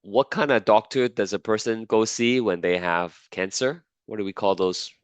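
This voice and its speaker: Smooth and lowish, his voice moves at a normal pace with no echo. While teaching biology through an illness that's taking his voice, the lecturer repeats important points and checks in with the class.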